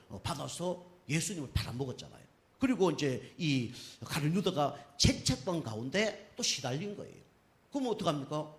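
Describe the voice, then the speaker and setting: A middle-aged man, a pastor, preaching a Sunday sermon with emphatic rises on key phrases and frequent tag questions to the congregation. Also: mid-range voice.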